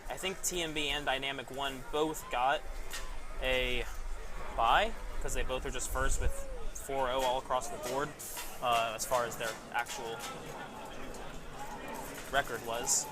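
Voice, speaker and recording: A man's voice: medium pitch, steady tone, unhurried, pauses often, music in the background. A man casually commentating a live paintball webcast outdoors, chatty and rambling, laughing at himself. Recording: outdoor background noise.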